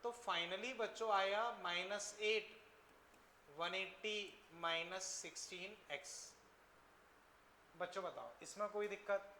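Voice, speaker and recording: Male physics teacher, bright tone, faint background hiss. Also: high voice, takes it slowly. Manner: addresses students as children, asks frequent checking questions. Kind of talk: classroom lecture. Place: classroom. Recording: echoey classroom, faint noise.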